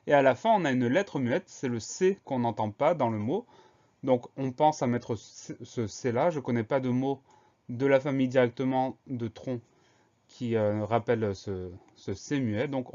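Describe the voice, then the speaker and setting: A man teaching a spelling lesson, explaining each word calmly and spelling it out letter by letter. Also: mid-range voice. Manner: patient, methodical, spells out letter by letter. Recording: slightly dull lo-fi recording.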